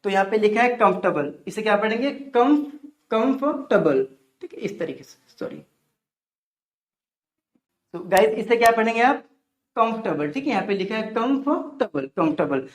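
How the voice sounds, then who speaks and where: A man's voice: sits high, animated, moderate pace, pauses often, roomy sound. Indian man quizzing pronunciation. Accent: Indian English. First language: Hindi. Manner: drills words, asking and answering himself. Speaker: English teacher. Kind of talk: online English pronunciation lesson.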